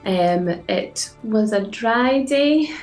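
A woman in her forties with a Highland Scottish accent, giving a conversational, reflective personal account in an interview. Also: expressive, drawn-out words, darkish tone, roomy sound, faint music behind. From Inverness, Scottish Highlands. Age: 40s. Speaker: rescued paddleboarder telling her own story.

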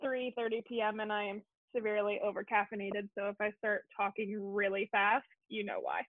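A young woman from Colorado hosting a casual chat, talking quickly and poking fun at herself. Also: mid-range voice, flat delivery, no echo. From Colorado, USA. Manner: chatty, quick, self-deprecating. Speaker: podcast host. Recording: tinny phone-like call audio.

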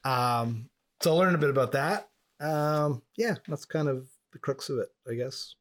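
A man from Montreal talks in a casual podcast chat, rambling from one story to the next. He co-hosts the show with an easy, conversational manner. His voice sits at an ordinary middle pitch. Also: moderate pace. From Montreal, Canada. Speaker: podcast co-host.

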